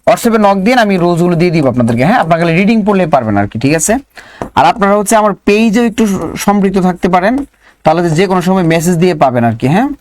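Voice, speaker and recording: A man with a fairly high voice teaches a grammar lesson to his class. He keeps drilling the students, asking the same question over and over until they answer. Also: sing-song, quick pace, a little mellow, slight background noise.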